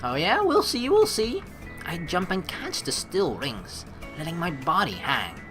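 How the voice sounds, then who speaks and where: Game music plays as a woman narrates a game in her let's play, mixing in jokey, teasing remarks. Her voice sits on the low side and is very animated, though her pace stays measured.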